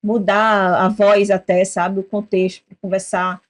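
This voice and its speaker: This podcast host, a woman with a southern Brazilian Portuguese accent from the south of Brazil, keeps her interview casual and brings her stories to life by performing the quoted lines. She speaks at a medium pitch and a measured pace.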